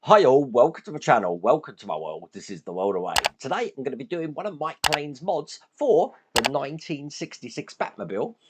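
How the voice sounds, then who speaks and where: This model-building host's voice is rough and deepened from shouting, with big pitch swings as he talks briskly with hardly any pauses. He's chatty and self-deprecating, thinking aloud as he works with his hands, while noise runs in the background.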